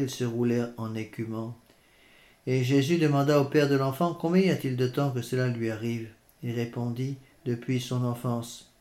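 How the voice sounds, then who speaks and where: A man preaching a sermon in French and reading scripture aloud, measured and hesitant, pausing on fillers. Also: medium pitch, a little mellow. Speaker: priest. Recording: echoey room.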